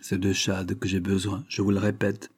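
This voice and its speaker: A man voicing a stern, scornful gentleman who speaks curtly. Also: low voice, monotone, normal speed, breathy edge, dry recording, clean studio sound. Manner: curt, scornful.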